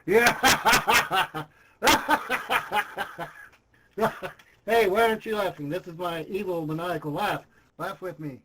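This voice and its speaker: A man's voice: sits high, fairly quick, slight background noise, lightly acted, low-quality recording. A man playing a pompous, bumbling evil space emperor in a comedic audio drama, with the manner of an unhinged villain. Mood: gleefully unhinged. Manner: unhinged villain bluster with forced maniacal laughing.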